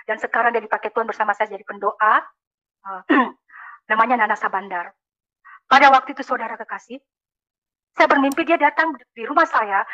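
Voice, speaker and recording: A woman's voice: sits high, bright, forceful tone, dull audio. A woman from Makassar giving a religious conversion testimony, telling her story emphatically and often calling out to the listeners. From Makassar, Indonesia. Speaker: testimony speaker.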